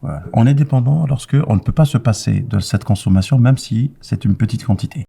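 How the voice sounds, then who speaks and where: A man answering a caller as an expert, explaining in a calm, measured way. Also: medium pitch, vocal fry, slightly rough. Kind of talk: explanatory advice.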